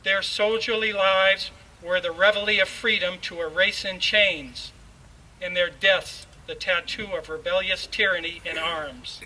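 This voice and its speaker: Reading a formal proclamation aloud, this ceremonial reader takes a solemn, oratorical approach. His high-pitched voice keeps a fairly even intonation at a measured pace, with a bright, forceful tone. The mic is distant and faint background noise can be heard.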